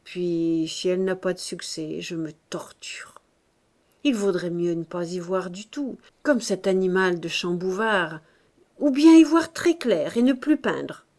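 Woman voicing anguished old painter, burly man, pleading outbursts, slow and drawn out, storybook reading. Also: fairly low pitch, a little mellow. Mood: anxious pleading. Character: anguished aging master painter, burly man, self-doubting. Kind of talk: audiobook character voice.

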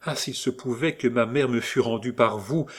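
A man's voice: moderate pace, breathy edge, natural voice. An anxious, pious young woman from a storybook, as a male reader puts her on. She pleads in a lifted, emotional voice, full of longing. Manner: pleading, emotional, raised pitch.

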